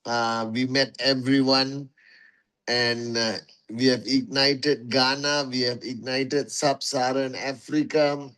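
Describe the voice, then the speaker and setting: A man's voice: medium pitch, fairly even intonation, slow pace, fairly bright tone, smooth. A man hosting a casual livestream for his network marketing followers, greeting viewers one by one as warriors and repeating phrases for emphasis, on a phone mic.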